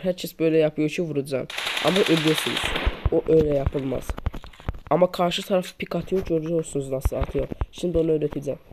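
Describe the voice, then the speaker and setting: Over a screen recording, a mobile shooter tips creator walks viewers, whom he calls friends, through a casual gameplay tutorial, repeating and demonstrating each tip. The poor-quality microphone captures background noise, including loud game gunfire and clicks.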